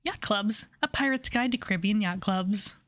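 A woman's voice: mid-range voice, moderate pace, fairly bright tone, no room sound. A woman giving casual, playful, giggly commentary while livestreaming a game. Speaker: game streamer.

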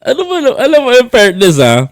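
Chuckling man with a lively up-and-down voice. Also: extremely high pitch, fast talker, a little hiss or hum. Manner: laughs often, teasing, repeats himself. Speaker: vlogger host. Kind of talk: casual mocking commentary.

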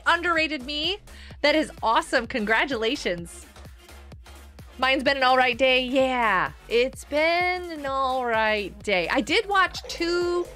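A woman's voice: high voice, sharp tone. A middle-aged woman hosting a game livestream over a headset mic, chatting and laughing as she greets viewers by name. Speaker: livestream host and homeschooling parent. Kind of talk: casual livestream chat while playing a game.

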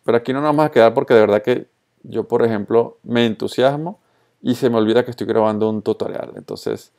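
Narrating a casual screencast tutorial for social media, a man speaks in a low-leaning, gravelly, mellow voice. His Colombian-Venezuelan Spanish accent comes from being born in Colombia and raised in Venezuela, and his informal delivery mixes in English terms.

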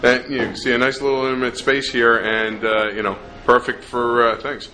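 A man's voice: medium pitch, little pitch movement, moderate pace, sharp tone. A man interviewing a chef on a restaurant tour, with upbeat prompting questions. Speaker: interviewer, supply company rep. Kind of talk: casual walkthrough interview. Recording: noisy background hum.

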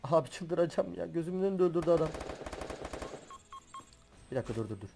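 A young man giving excitable commentary while he plays a battle royale game as a gaming YouTuber, swearing and laughing as he goes. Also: a little high, a little fast, creaky, a little hiss or hum. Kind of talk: live gameplay commentary.

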